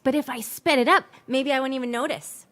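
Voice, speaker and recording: A woman with a touch of vocal fry, chatting casually and animatedly as co-host. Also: high-pitched, fairly even intonation, a little fast, a bit bright. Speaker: music teacher and co-host. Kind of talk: casual chat.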